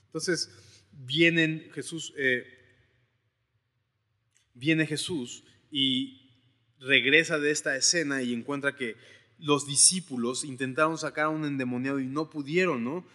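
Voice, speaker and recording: A man preaches in a loose, conversational way and keeps checking in with his listeners. His voice is bright and forward, at a middle pitch. A long reverb rings after his words, as in a large hall. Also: fairly even intonation, measured pace, pauses often. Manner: informal, questioning asides, retells scripture in voices. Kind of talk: conversational sermon.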